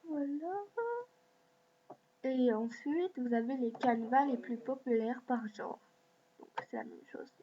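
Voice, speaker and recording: A woman's voice: high voice, unhurried, long pauses, dark tone. A woman hosting a screen-recorded app walkthrough, talking in a hesitant way with many fillers. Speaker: video host. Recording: dull lo-fi mic with faint hiss.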